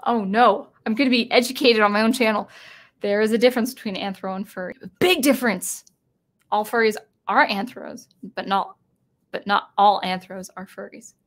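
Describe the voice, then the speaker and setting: A woman's voice: medium pitch, moderate pace. Tired, rambling woman streamer. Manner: rambling, self-interrupting, chuckling. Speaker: streamer reading live chat. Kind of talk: casual live-stream chat.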